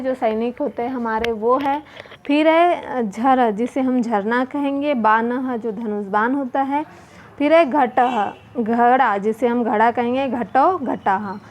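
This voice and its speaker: A woman with a high voice teaches a children's workbook lesson. She reads word lists slowly and drags each word out, then explains it in plain terms. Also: slight background noise. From India. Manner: slow, drawn-out word recitation.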